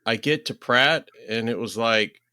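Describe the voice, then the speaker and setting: A man's voice: medium pitch, a little slow, pushed and bright, no echo, studio quality. A man hosting a casual podcast interview who asks open questions and shares his own stories in an earnest, friendly way. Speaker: podcast host.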